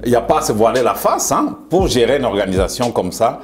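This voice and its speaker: A man in his fifties, a museum director, speaking haltingly in a conversational interview. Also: medium pitch, very animated, faint music behind. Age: 50s. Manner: hesitant, halting with many pauses and repeated words. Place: museum in Montreal.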